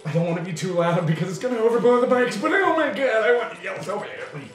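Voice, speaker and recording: A man's voice: high voice, big pitch swings, quick pace. A young man shivering with cold as he gives agitated, exclamatory game commentary in a strained, freezing voice. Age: young adult. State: freezing cold in an ice bath. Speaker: video host playing a game. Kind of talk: excited let's play commentary. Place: small tiled bathroom, in a bathtub. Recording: echoey bathroom, distant mic, faint music.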